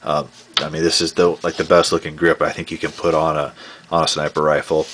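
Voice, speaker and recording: A congested, sniffly man casually walking through his homemade gear build, with many pauses and "uh" fillers. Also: very deep voice, little pitch movement, fairly bright tone, slight background noise. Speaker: airsoft modding vlogger. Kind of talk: casual show-and-tell walkthrough.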